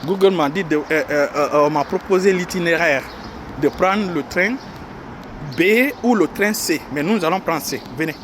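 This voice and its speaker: Man vlogger on a phone, slightly high voice, slow repetitive delivery, street and subway noise behind. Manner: slow, repetitive, halting explanation with many fillers. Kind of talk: casual walking vlog. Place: outdoors on a city street, then down into a subway station. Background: city traffic and subway noise.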